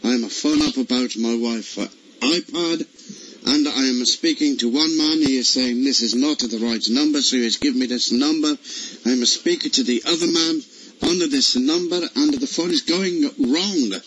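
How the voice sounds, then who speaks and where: A man's voice: mid-range voice, moderate pace, fairly bright tone, a little hiss or hum, lightly acted. A man voicing Mario, a confused middle-aged man who rambles in broken grammar and pleads for help on a phone call. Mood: pleading. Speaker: prank caller.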